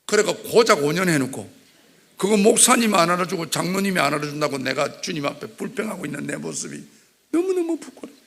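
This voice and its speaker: A middle-aged man with a Gyeongsang accent, a church elder giving a fervent testimony sermon, swinging from loud cries to hushed confession. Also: on the high side, very animated, fast, gravelly.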